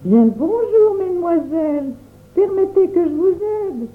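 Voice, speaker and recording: A woman's voice: extremely high pitch, lively intonation, a little slow, pitched above the performer's own voice. A woman voicing a greedy, overly polite female shopkeeper eager to sell, for a storybook reading. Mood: fawning. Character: scheming female shopkeeper, middle-aged, greedy and fawning. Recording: tinny phone-like sound.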